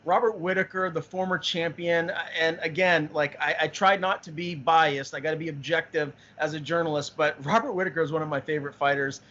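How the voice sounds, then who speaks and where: A man co-hosts a casual sports show, eager and talkative, stumbling over repeated words as he works out his thoughts. His voice sits a little high. The audio is muffled and lo-fi. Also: fairly even intonation, fairly quick, hardly any pauses, a bit bright. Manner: enthusiastic, repeats words while thinking. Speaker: podcast co-host.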